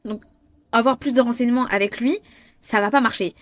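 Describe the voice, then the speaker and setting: A young woman reading game dialogue aloud and reacting excitably, often swearing and restarting lines. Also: on the high side, fairly quick. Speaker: gamer. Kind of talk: playing a visual novel aloud.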